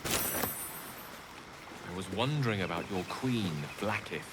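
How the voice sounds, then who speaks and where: An actor voicing a polite, learned male wizard in a video game, speaking in a courteous, measured and dryly wry way. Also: fairly low pitch. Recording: game audio with loud noise.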